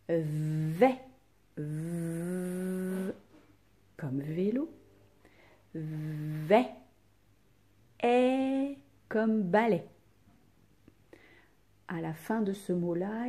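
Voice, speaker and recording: A woman teacher giving a dictation to young children, spelling out letters and sounds and stressing each syllable. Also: fairly low pitch.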